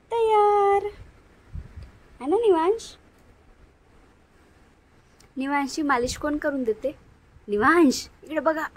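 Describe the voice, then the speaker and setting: A woman's voice: high-pitched, low-quality recording. A young mother with a Marathi accent, talking in singsong baby talk to her infant at home while she films on a phone. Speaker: mother and vlogger. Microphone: phone camera.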